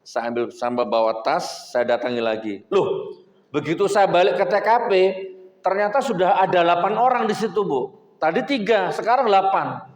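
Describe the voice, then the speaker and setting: Guy preaching in a big echoey hall, gets loud then drops low telling stories. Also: normal speed. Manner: animated, swings between loud exhortation and low storytelling asides. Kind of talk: sermon with storytelling. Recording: echoey hall with long reverb.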